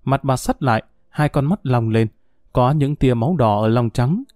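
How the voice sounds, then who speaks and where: A man reads a novel aloud in a steady, even storytelling voice of middle pitch. The recording is dry and close, with no room sound. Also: normal speed, no echo. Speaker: audiobook narrator. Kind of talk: scripted narration of a novel.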